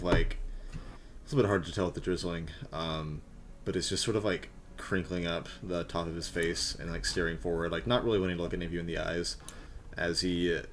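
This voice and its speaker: A man's voice: deep voice, fairly bright tone, a little hiss or hum. A man narrating as game master of a tabletop game, describing scenes in a loose, rambling way with many fillers.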